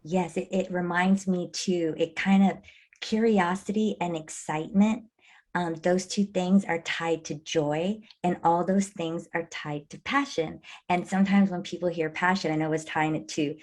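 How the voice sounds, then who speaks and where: A woman's voice: lowish voice, steady tone, normal speed, darkish tone. A woman hosting an interview, responding thoughtfully and affirming her guest's ideas. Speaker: host. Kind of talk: conversational interview.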